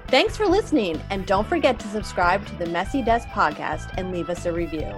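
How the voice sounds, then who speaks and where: A woman's voice: mid-range voice, big pitch swings, fairly quick, music in the background. A woman co-hosting a podcast, giving advice in a friendly, matter-of-fact way. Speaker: podcast co-host. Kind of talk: casual podcast chat.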